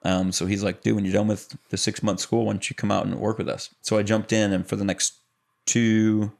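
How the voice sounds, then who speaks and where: A young adult man from the Chicago area, an actor and producer telling his story as a podcast guest in relaxed, rambling chat full of fillers. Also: fairly low pitch, brisk, vocal fry. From Chicago area, United States. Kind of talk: casual conversational storytelling.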